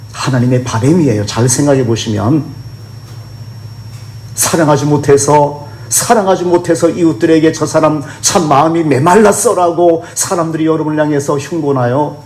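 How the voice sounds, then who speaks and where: A man's voice: a little high, darkish tone, echoey room. A man preaching a sermon as pastor, earnest and exhorting, voicing the complaints of believers in a raised voice.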